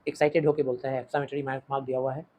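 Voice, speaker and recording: Speaking very fast in a monotone, a man with an Indian English accent and a warm mid-range voice goes through a play line by line. He moves between Hindi and English throughout this literature lesson, and the recording is poor.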